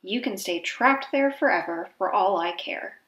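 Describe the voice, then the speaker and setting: A woman's voice: mid-range voice, expressive, a little slow, a bit bright. A woman voicing a greedy, easily fooled male fox in an emphatic trickster tale character voice for a storybook puppet show. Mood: scornful. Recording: slightly echoey room.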